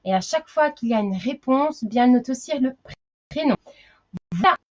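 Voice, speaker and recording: A woman's voice: high-pitched, animated, normal speed, lo-fi sound. A woman teaching a live online class for young children, chatty, greeting each child by name.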